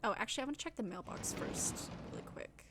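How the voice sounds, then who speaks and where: A woman's voice: a little high, animated, quick pace, very noisy. A woman streamer reading visual novel text aloud with casual, slangy asides. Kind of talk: let's-play reading game text aloud. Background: game music.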